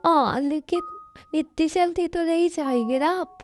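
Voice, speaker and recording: A woman's voice: measured pace, faint music behind. Woman doing a sulky, tearful young wife. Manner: sulky, pleading and high. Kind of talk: amateur fan-story dub.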